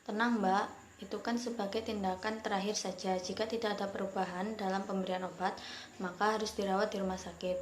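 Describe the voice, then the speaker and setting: A reassuring doctor acted by a woman in a scripted role-play, speaking at a medium pitch. The room is echoey, with faint noise behind. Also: little pitch movement, a little fast, natural voice. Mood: calm, explanatory. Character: reassuring female doctor explaining treatment.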